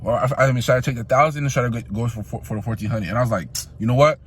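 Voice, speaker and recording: A man's voice: mid-range voice, racing, fairly bright tone, husky. A young man talking casually in a vlog, slangy and rambling, calling viewers "bro" and restarting his sentences often. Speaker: vlogger. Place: car, on the road.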